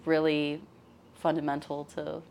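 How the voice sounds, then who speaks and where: Podcast guest, woman in her twenties, low register, friendly and chatty, faint noise on the track. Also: monotone, measured pace, gravelly, darkish tone. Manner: friendly, open and chatty, laughs often. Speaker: podcast guest, musician and producer. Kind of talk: casual interview chat.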